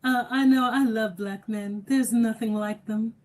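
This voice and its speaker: A woman from Pittsburgh, Pennsylvania, calls in to a livestream. Her voice is high, and she talks politely and hesitantly, often pausing with fillers. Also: fairly even intonation, a loud crowd, poor audio. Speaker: caller. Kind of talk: casual call-in chat.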